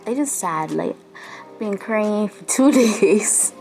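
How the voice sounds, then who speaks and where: Recording herself close to the camera, a young vlogger with a Barbadian accent speaks slowly in an expressive, gravelly, darkish medium-pitched voice. Soft music plays behind her video diary from quarantine, where she sounds weary, dejected and frustrated, with sighs.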